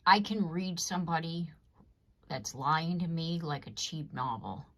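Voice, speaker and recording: Low-pitched woman, tarot reader, casual and rambling, talks straight to her viewers. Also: measured pace. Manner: rambling, conversational, frequent "you know what I mean". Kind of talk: casual collective tarot reading to camera.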